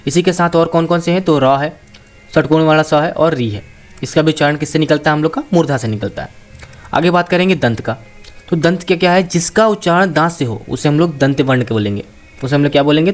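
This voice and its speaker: A man teaching a lesson on the alphabet, asking questions and answering them himself, and sounding out single letters with care. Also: a little high. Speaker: Hindi teacher. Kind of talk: explanatory lesson.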